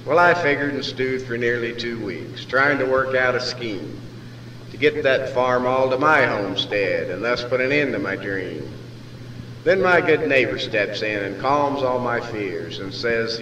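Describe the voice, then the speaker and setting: Echoey cowboy poet, American West drawl. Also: male voice, medium pitch, sharp tone. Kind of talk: reciting rhymed cowboy poetry as live storytelling. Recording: echoey hall from far off, faint noise.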